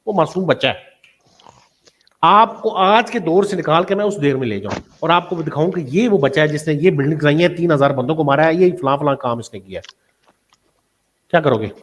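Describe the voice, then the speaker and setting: A man in a heated online debate, explaining calmly and telling the other not to shout. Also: a little high.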